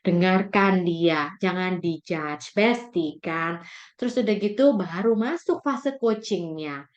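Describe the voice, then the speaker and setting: A woman giving a lively parenting talk. She speaks often straight to the parents and mixes English words into her speech. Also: on the low side, slow pace, lo-fi sound.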